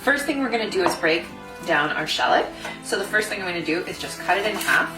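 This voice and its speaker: A food designer and cooking host walks viewers through a recipe step by step, her voice on the low side, lively in intonation, and fast. The mic sits at a distance, the room echoes, and music plays behind her.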